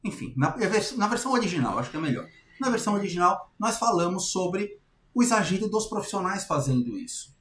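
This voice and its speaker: A man's voice: high voice, sing-song, brisk, a bit bright, slight background noise. A man with a Brazilian Portuguese accent, hosting and commenting casually on a recorded live class in a wry, conversational way. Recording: echoey room with faint ambience.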